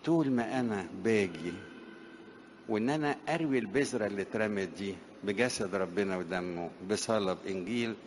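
A man's voice: fairly low pitch, brisk, background noise. A man with an Egyptian accent preaching a sermon in a church on a wireless microphone, talking casually with the congregation and asking them questions. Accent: Egyptian Arabic. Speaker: priest.

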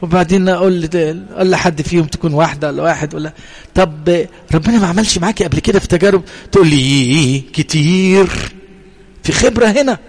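A man's voice: high-pitched, racing, in a large hall. A man with an Egyptian Arabic accent, a priest delivering a sermon. He asks the congregation rhetorical questions and then answers them.

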